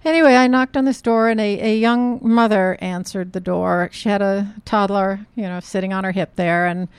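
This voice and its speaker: A woman's voice: mid-range voice, normal speed, smooth, no room sound. A middle-aged woman telling a story in a casual chat, quoting people as she goes. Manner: animated storyteller, quotes people in her own voice. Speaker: guest recounting canvassing.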